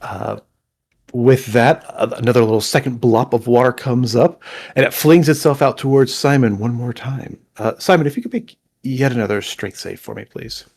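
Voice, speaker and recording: A man narrating as game master for an online tabletop game, with a halting delivery full of fillers. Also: mid-range voice, a little mellow.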